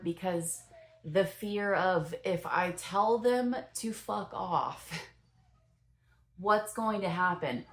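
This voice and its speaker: A young adult woman giving her casual first impressions of a film in a chatty, rambling way, full of fillers and self-corrections. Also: low voice. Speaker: movie reviewer.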